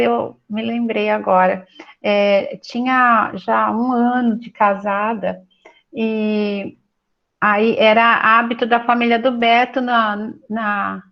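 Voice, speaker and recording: A middle-aged woman, telling a personal story in a casual, animated way and acting out the dialogue. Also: a little high, highs cut off. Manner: chatty, animated, acts out dialogue. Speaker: Bible class participant.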